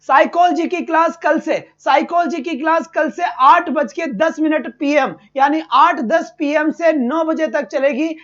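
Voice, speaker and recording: High-voiced man teaching. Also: unhurried, few pauses, lo-fi sound. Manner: energetic, repetitive, calls students "beta". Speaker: exam-prep teacher. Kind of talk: online exam-prep lesson.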